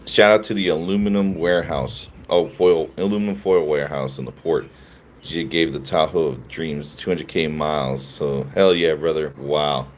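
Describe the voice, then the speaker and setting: A man's voice: rumbling low, fairly even intonation, moderate pace, a little hiss or hum. A sleepy man hosting a live stream, reading chat and riffing casually, laughing often between jokes. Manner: laughs often, loose and joking, answers chat. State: sleepy, yawning. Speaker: livestream host reading chat.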